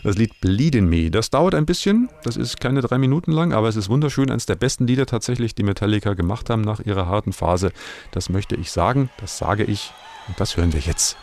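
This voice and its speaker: Middle-aged man, slightly low gravelly voice, casual radio host, rambling, self-ironic, colloquial. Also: animated, brisk, a little mellow. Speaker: radio music show host. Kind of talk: casual rambling music presenting.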